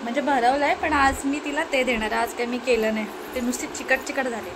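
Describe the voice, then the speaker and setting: A woman's voice: high-pitched, steady tone, quick pace. A young woman with a Marathi accent, chatting casually to her viewers at home as she goes through her chores and coaxes her baby. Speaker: vlogger, mother of a baby. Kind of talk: casual home vlog chat. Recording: noisy home phone recording.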